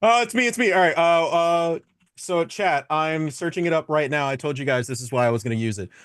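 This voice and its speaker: A man's voice: fairly high pitch, a little fast, fairly bright tone, clean tone, dry recording. Man chatting casually, close dry sound. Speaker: contestant on a live stream show. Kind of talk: casual improvised chat.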